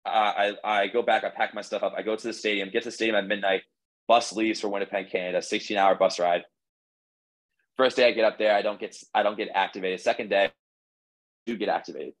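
Low-voiced young man telling a rambling story. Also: steady tone, fast talker, poor audio. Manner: rambling, filled with "like" and restarts. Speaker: podcast guest, baseball pitcher. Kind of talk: casual storytelling.

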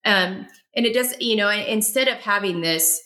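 Bright-toned woman hosting a chat. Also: mid-range voice, moderate pace. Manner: warm affirmations, rambling questions with restarts. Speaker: host. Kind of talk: interview chat.

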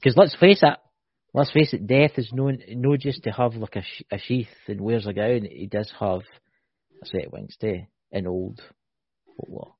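On a podcast, a male co-host with a husky, mid-range, somewhat lowish voice chats casually at normal speed, spinning out wild theories in an animated, speculative way. He keeps checking in with "right?" The audio is dull, lo-fi and dry, with no room sound.

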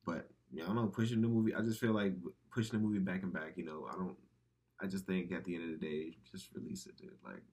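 Husky, rambling man chatting about movies. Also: sits low, fairly even intonation, quick pace, darkish tone. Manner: rambling, filler-heavy, swears freely. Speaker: podcast co-host. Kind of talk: casual movie chat.

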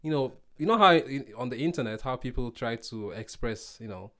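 A man's voice: mid-range voice, lively intonation, a little fast, fairly bright tone. A young man from Nigeria, a podcast guest, talking casually and hesitantly, searching for words with lots of fillers. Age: young adult. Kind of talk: casual conversation.

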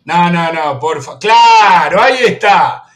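A high-voiced Argentine man hosts a sports radio show with wild swings in energy. He mocks rival fans, laughs a lot, and calls out to the control room between rants. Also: moderate pace. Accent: Argentine Spanish. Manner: animated, mocking, laughs often; gives orders to the control room. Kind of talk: excited sports talk.

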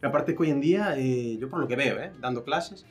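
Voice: medium pitch, animated, a little fast, faint music behind. A guest in a casual interview chat, talking animatedly and acting out quoted voices. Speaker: guest, actor and teacher.

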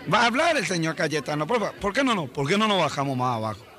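A man's voice: fairly high pitch, very animated, quick pace, sharp tone. Fussy man calling a press crowd to order. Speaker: press conference moderator in a comedy sketch. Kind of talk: comic mock press conference.

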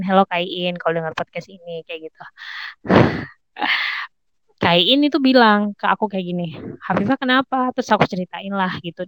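A young woman, a podcast guest, telling a personal story in a chatty, expressive, slangy way, full of fillers. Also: medium pitch, no echo, low-quality recording. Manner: slangy informal speech.

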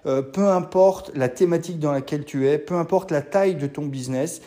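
A man's voice: fairly high pitch, fairly quick, dark tone. A man hosting a business podcast, talking casually on his own with lots of fillers and restarts. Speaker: podcast host. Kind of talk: solo business podcast talk.

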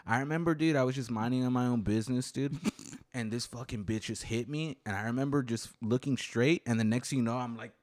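A man's voice: mid-range voice, a little fast, darkish tone, no room sound. A man hosting a podcast, telling a story in loose, profane chat and calling his guest "dude" a lot. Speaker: podcast host. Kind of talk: casual chat.

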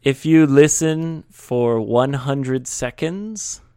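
Slow, teasing English-speaking man. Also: mid-range voice, mellow, clear, resonant tone, dry recording, studio quality. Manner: teasing, slow deliberate phrasing. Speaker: podcast co-host. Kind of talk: casual chat.

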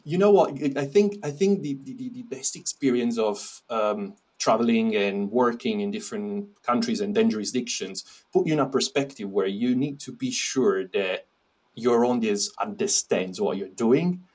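A man from Italy with an Italian accent, speaking as a podcast guest in a relaxed interview, with frequent restarts and fillers. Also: mid-range voice. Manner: halting, with many restarts and fillers. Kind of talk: casual interview chat.

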